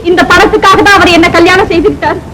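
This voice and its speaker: A woman's voice: extremely high pitch, steady tone, fast. An actress playing a spoiled young daughter, complaining tearfully to her father. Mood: aggrieved. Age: young adult. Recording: old film soundtrack, loud noise.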